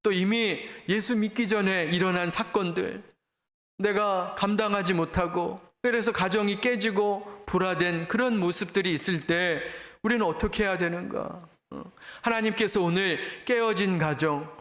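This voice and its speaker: A senior pastor, a man, preaches in a high, ringing voice that carries through a roomy church hall. He talks straight to his listeners, pressing them with questions and urging them to look at themselves. The sound has the reverberant space of a sanctuary around it. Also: moderate pace, fairly bright tone. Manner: earnest, direct address to the congregation with rhetorical questions. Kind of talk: sermon.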